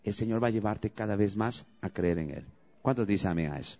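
A man's voice: fairly low pitch, lively intonation, a little fast, a little mellow. A man preaching a sermon as pastor, calling out questions to the congregation and leading prayer with rising emphasis.

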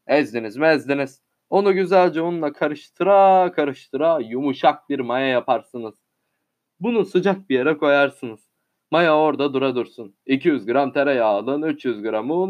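A man's voice: fairly high pitch, expressive, measured pace, a little mellow. Man reading a wry satirical story. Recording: muffled lo-fi recording.

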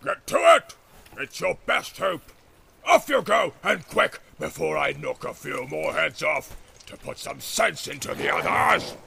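A man voicing a brutal, boastful male orc captain who barks orders and mocks his rivals in a gravelly voice. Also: mid-range voice, lively intonation, normal speed, slight background noise, heavily acted. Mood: commanding. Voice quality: gravelly, barking. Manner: shouting orders, mocking laughter.

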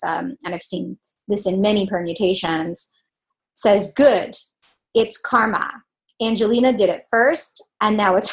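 A woman hosting a podcast as a sexologist, giving candid, emphatic solo commentary with the odd dry laugh. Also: medium pitch.

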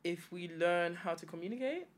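A woman's voice: on the low side, lively intonation, normal speed, slight background noise. A young British woman from a podcast chat, speaking with a London accent. She sounds earnest and opinionated, laying out her views in casual, slangy phrases. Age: young adult. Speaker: podcast guest.

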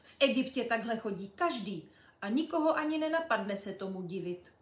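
A woman voicing a cheeky nine-year-old girl who tells tall tales, lively and loud, in an echoey room. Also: lightly acted. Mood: boastful. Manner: lively, boastful, high and loud.

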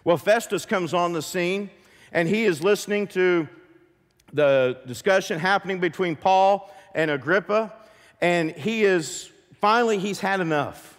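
A pastor preaching a sermon to his church, lively and full of questions to the congregation. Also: sits high, measured pace, big-room sound. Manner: animated, asks the congregation many questions. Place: church sanctuary.

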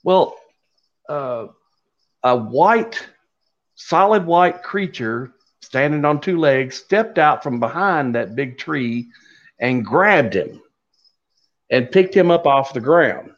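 Middle-aged male storyteller, Appalachian Kentucky accent, halting and folksy delivery, muffled low-fidelity recording. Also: animated. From Kentucky, USA. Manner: folksy, halting, unhurried telling. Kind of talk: casual oral storytelling. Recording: dull lo-fi audio.

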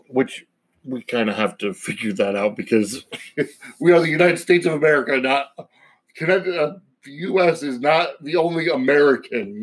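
A man's voice: mid-range voice, rough recording. A man hosting a podcast alone, giving a casual opinion monologue in a rambling, digressive way. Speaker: podcast host.

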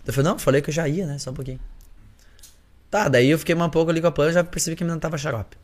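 A young adult man and singer, telling a story in a casual podcast chat, animated and full of slang. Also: a little high, very fast. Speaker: singer and musician, podcast guest.

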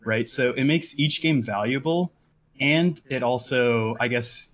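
A man calls in to a live show and explains his view. He hesitates and thinks aloud, filling gaps with "uh" and "like." His voice sits at an average pitch for a man. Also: unhurried, fairly bright tone. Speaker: caller. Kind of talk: casual call-in.

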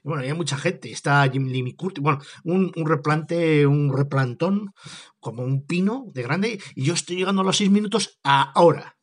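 A man's voice: a little high, normal speed. A man hosting a podcast, talking in a casual, jokey, digressive monologue. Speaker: podcast host.

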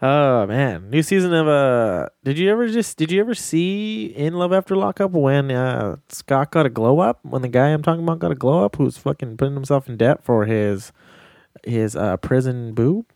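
A man's voice: mid-range voice, expressive, moderate pace, vocal fry, a little mellow, no room sound, clean studio sound. A man chatting casually as a podcast co-host, bantering with slang and swearing.

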